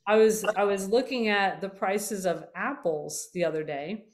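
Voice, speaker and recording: A middle-aged woman talks casually to her viewers about health, chatty and loose, stopping often to correct herself. Her voice is slightly worn, as if she is losing it, and sits at an ordinary middle pitch. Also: a little slow. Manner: chatty, with many fillers and self-corrections. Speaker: health talk host.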